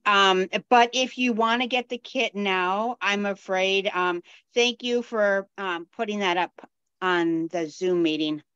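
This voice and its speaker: A woman calls into a video meeting on her phone, and her voice comes through dull and muffled. She talks slowly and hesitantly, with many ums and restarts. Her tone stays smooth and clear despite the thin line. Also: mid-range voice, fairly bright tone, no room sound. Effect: speaking over a phone into a video call. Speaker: beading class instructor. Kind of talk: casual group meeting chat.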